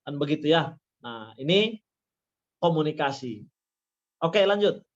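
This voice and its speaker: A man's voice: on the high side, lively intonation, a little slow. A man who is a university lecturer, giving a webinar talk through slides, who repeats his phrases and leans on fillers like "ya" and "nah". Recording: dull lo-fi webinar audio.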